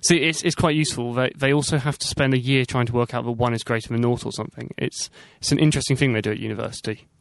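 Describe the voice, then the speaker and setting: A man co-hosting a comedy podcast, joking quickly with nerdy asides. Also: medium pitch, steady tone, gravelly, dry recording. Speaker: co-host.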